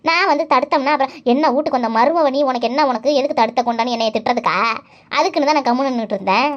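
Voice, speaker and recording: A high-pitched, nagging old mother-in-law, played by a woman in a cartoon, grumbling and sarcastic at every turn. The recording is dull and lo-fi. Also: rapid-fire, close to an everyday voice. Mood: scolding. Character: scolding elderly mother-in-law, bitter and quarrelsome. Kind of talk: cartoon voice acting.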